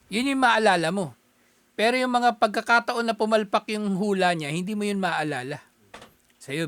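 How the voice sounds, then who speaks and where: Animated Filipino man telling stories. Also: high-pitched. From Philippines. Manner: animated storyteller, chuckles often, acts out quoted exchanges. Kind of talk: casual explanatory talk.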